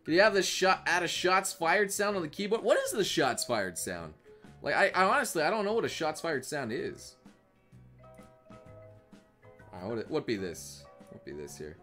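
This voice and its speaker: A man's voice: a little high, wildly swooping pitch, moderate pace, sharp tone, faint music behind. A man streaming live and reacting to memes for his chat, rambling, repeating himself and swearing often.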